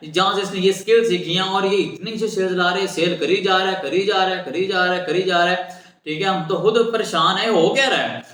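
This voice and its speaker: Baffled branch manager, pleading, bright high voice, man acting it. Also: roomy sound. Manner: pleading, exasperated.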